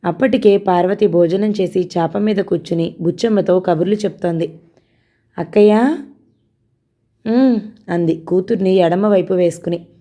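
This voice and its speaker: Warm-voiced woman reading a novel aloud. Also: on the low side, brisk. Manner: steady, storytelling. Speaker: audio story narrator.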